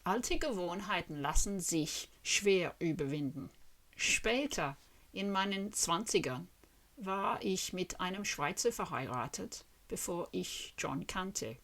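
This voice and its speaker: Speaking to camera in a language she is still learning, this Western Australian woman in her fifties, whose first language is English, talks slowly with lively intonation. Her voice is fairly low with a fairly bright tone, and she asks viewers questions in a careful, earnest way with her Australian accent.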